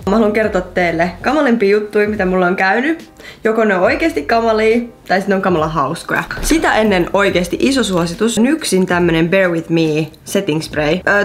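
A young woman of around twenty tells personal stories in a chatty, animated vlog. Her voice sits at an ordinary middle pitch for a woman. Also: slight background noise. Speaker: vlogger. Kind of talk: casual storytelling vlog.

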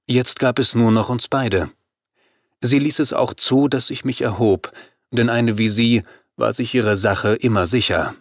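A man reading a horror novel aloud as first-person narrator, in a steady, measured way. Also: lowish voice, dry recording, studio quality. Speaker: audiobook narrator.

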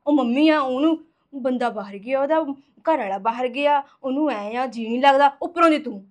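A woman's voice: high voice, fast, natural voice. An actress playing a jealous, nagging young wife who scolds her husband, in a short drama. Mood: scolding. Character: sharp-tongued young wife, jealous of family.

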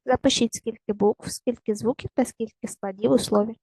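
A woman teaching a recorded primary school lesson, giving clear, patient step-by-step instructions to young children. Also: a little high, fairly even intonation, moderate pace, mellow, dry recording, rough recording.

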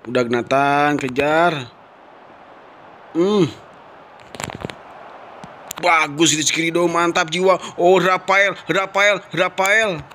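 Man, Indonesian accent, high voice, drawn-out excited goal-call commentary, repetitive catchphrases, noisy stadium game background. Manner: shouting, exclamatory, repetitive catchphrases. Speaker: football gaming channel host and commentator.

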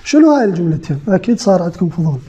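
A man's voice: high voice, sing-song, very fast, dark tone. A man giving a sales-training lecture to a live group. He asks the room questions and repeats his key phrases. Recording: muffled lo-fi recording.

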